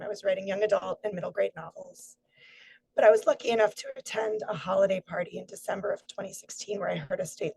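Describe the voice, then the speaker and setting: Hoarse woman presenting on a video call. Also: mid-range voice, low-quality recording. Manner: earnest, conversational, many fillers. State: hoarse, losing her voice. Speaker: guest speaker. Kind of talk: webinar presentation.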